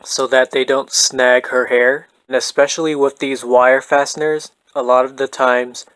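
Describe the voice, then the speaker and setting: A man calmly talking through a hair-setting tutorial in a voice-over, soft-spoken and methodical. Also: mid-range voice, measured pace, clean tone, dry recording, rough recording. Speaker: doll hair tutorial host. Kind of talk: calm instructional voice-over.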